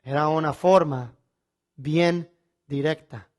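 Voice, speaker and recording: Preaching a sermon that teaches from the Bible, a man speaks with deliberate emphasis, using repetition and rhetorical questions. His voice is a little high.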